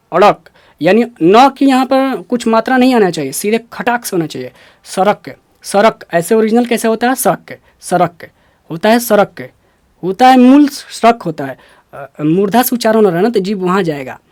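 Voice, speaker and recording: A man with a Bihari Hindi accent teaching a Hindi pronunciation lesson, explaining step by step and repeating sounds slowly. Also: high-pitched, no echo.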